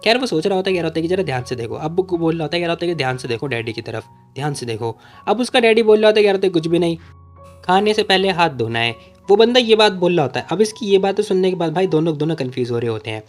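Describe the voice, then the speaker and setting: A man casually recapping a comic story, chatty and jokey, with quick asides to listeners and voices for each character. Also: fairly high pitch, animated, soft background music. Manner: chatty, jokey, keeps calling listeners brother. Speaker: manhua recap narrator.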